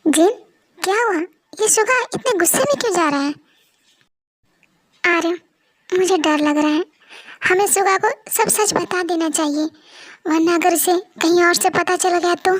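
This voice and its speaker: A woman's voice: very high-pitched, measured pace, long pauses, no echo, clean studio sound. A woman voicing an anxious middle-aged mother in a dramatic fan story reading, with a fretful delivery. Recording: soft music behind.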